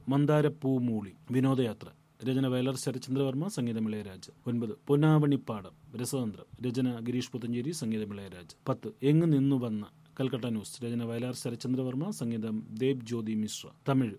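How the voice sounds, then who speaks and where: Dark-voiced man narrating. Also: mid-range voice. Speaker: narrator of a profile feature. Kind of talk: scripted narration.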